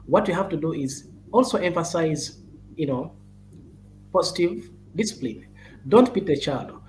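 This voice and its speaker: Man, fairly high voice, advocacy talk, halting and repetitive delivery, faint background noise. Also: lively intonation, low-quality recording. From Uganda. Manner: halting and repetitive, with many "uh"s and restarts, urging earnestly. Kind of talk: advocacy talk, addressing parents and caregivers.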